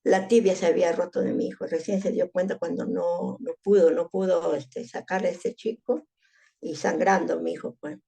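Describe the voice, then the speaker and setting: A woman's voice: fairly low pitch, normal speed, gravelly, warm tone. A middle-aged woman, telling a personal story as an interviewee and often ending phrases with a questioning tag. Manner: emotional recounting, frequent "¿no?" tag.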